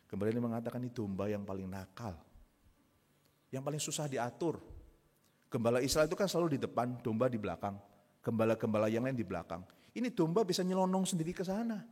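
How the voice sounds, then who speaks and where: A male pastor preaching a sermon in church, telling stories and moving between loud emphatic calls and soft, hushed lines. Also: mid-range voice. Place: church hall. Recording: long church hall reverb.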